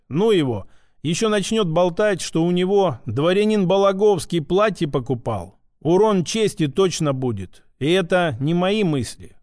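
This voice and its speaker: A man narrates a first-person audiobook in a measured, even storytelling manner. His voice sits a little higher than most men's. The recording is dry and close, with no room sound. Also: no echo.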